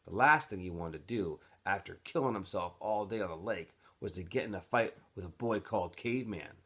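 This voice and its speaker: A man with a low, slightly rough voice reads a children's novel aloud fairly quickly, like a teacher reading to students. He's expressive and slips into character voices.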